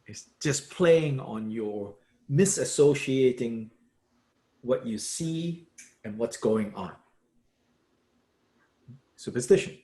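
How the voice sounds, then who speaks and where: Animated man teaching a book study. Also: mid-range voice, slow, pauses often. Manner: animated, repeats words, many "uh" and "you know". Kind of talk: lively explanatory teaching.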